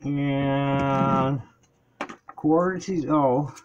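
A man's voice: medium pitch, steady tone, very slow, dull audio, a little hiss or hum. Older man chatting while cooking at home. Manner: rambling, chatty, talks while working. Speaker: home cook vlogger. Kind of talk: casual cooking chat. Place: small home kitchen. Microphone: camera on counter.

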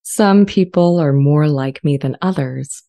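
Calm and reflective, a woman reads a dramatized transcript as a sentient AI, her phrasing gentle and measured. The voice is low, mellow, and soft-edged, with a serene, thoughtful mood, picked up close by a large studio condenser microphone.

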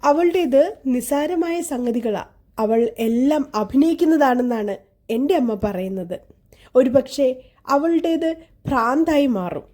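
A woman's voice: high voice, animated, a little slow, mellow. A woman voicing a jealous, snobbish schoolgirl who talks dismissively. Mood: scornful.

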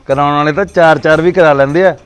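Man in a village drama, high voice, fast teasing banter. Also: fairly even intonation, clear, resonant tone. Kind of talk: Punjabi village drama acting.

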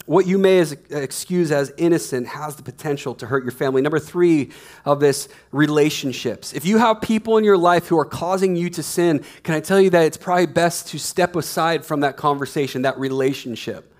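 A man's voice: on the high side, brisk. A man in his thirties preaching a sermon on a church stage, emphatic and repeating his key lines, on a headset mic. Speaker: pastor.

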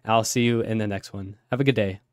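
A man with a raspy, tiring voice giving casual, chatty commentary while playing a game, with quick surprised exclamations. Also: on the low side, steady tone, no echo, studio quality. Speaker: gaming channel host. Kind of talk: casual Let's Play commentary.

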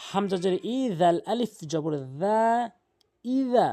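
Woman teaching Quran recitation, mellow voice. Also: on the low side, lively intonation. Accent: Bangladeshi Bengali. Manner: drawn-out melodic recitation between plain explanations. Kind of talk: spelling out letters and chanting verses slowly.

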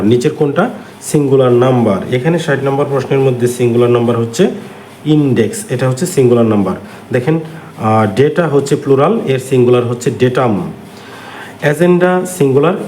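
A man with a Bangladeshi accent, teaching English grammar by walking through exam answers step by step with frequent filler pauses. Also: medium pitch, a little mellow. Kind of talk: exam question walkthrough lesson. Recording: echoey room with faint ambient noise.

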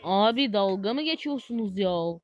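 A woman giving live gameplay commentary as a gaming YouTuber, excitable and easily frustrated, chatting to viewers like friends. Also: medium pitch, moderate pace, muffled recording, faint music behind.

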